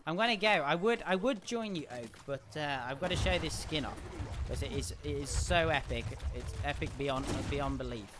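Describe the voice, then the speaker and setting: A young man commenting live on a game he is playing, chatting with viewers and breaking into loud cheers and yelps. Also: a little high, moderate pace, noisy background. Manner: chatty, answers viewers' questions. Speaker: gaming streamer.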